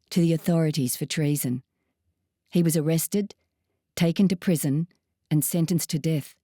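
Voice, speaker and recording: Female narrator, lowish mellow voice, dry close recording, measured memoir reading. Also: dry recording. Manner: measured, steady storytelling. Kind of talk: scripted first-person narration.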